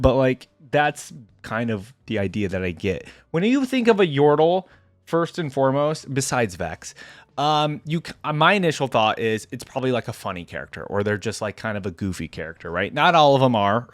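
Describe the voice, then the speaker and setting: A man with a medium-pitched voice hosts a YouTube reaction video, giving casual, off-the-cuff game commentary. He rambles conversationally and often checks for agreement. The recording is dry.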